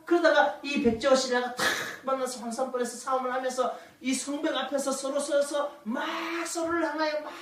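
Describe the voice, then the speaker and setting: A woman preaching a dramatic sermon, swinging from loud commands to hushed asides as she acts out voices. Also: high voice, fairly even intonation, fairly quick, hardly any pauses. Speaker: pastor. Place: church sanctuary. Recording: echoey church hall, mic far off.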